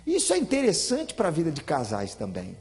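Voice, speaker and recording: A man's voice: on the high side, huge pitch swings, brisk, a little mellow, in a large hall. A man with a Brazilian Portuguese accent, a pastor leading a Bible study in a chatty, joking way, teasing listeners by name. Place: church hall.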